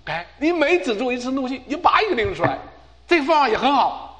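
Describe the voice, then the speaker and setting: Wise calm father in a sermon parable, voiced by the male preacher, gentle teaching tone, high and lively. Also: fast, heavily acted. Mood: patient. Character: wise patient father teaching his son.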